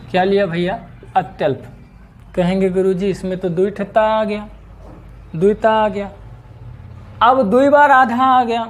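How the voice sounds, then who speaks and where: A man teaching an exam-prep grammar lesson, lively and repeating questions to his students. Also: high-pitched. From India.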